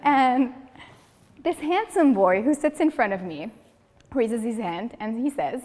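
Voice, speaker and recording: Her voice sits on the high side and she takes her time. She's a Moroccan woman in her 30s delivering a humorous prepared talk at a speaking club, playing the characters from her stories with lively flair. A long hall reverb hangs over the meeting room recording.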